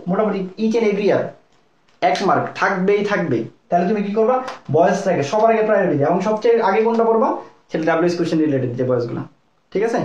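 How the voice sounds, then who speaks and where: Rapid-fire young male tutor, echoey lo-fi. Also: high-pitched, darkish tone, slight background noise. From Bangladesh. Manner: rapid, repetitive, keeps checking in with listeners. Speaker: medical admission tutor. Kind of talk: live online lesson. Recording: echoey, dull lo-fi room sound.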